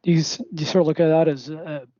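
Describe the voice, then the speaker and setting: Mellow guy doing a casual interview, voice a bit high, dry lo-fi audio. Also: steady tone, fast talker, no echo.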